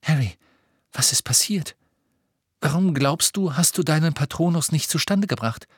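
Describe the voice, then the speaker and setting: A man voicing a sharp, impatient teenage girl who is clever and bossy, speaking in an urgent, snapping way. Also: fairly high pitch, lively intonation, normal speed, breathy edge, no echo, studio quality, pitched above the performer's own voice. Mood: worried.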